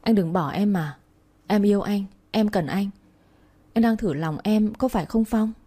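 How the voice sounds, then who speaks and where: A clingy, jealous young woman, as the woman narrator voices her, pressing with demands and pleas. The tone is warm and mellow, at a middle pitch. She is a figure in a read-aloud romance story. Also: quick pace, close to an everyday voice. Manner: pleading, demanding.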